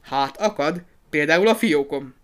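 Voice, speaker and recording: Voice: medium pitch, lively intonation, close to an everyday voice. A narrator doing a muddled old porter. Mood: bewildered. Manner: bewildered, eager to please. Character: confused, dim-witted older male porter.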